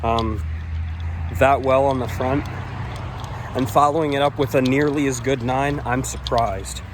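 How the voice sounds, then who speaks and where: A man's voice: mid-range voice, steady tone, unhurried. Rambling young man vlogging a golf round. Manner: chatty, rambling, talks to viewers as guys. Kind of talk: casual vlog commentary. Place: golf course outdoors. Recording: outdoor noise in background.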